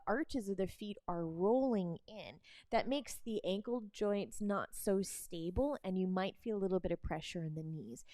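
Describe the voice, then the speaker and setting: A woman instructor explaining barre moves and cueing a demonstrator, encouraging and quick to laugh. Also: mid-range voice, dark tone, dry recording.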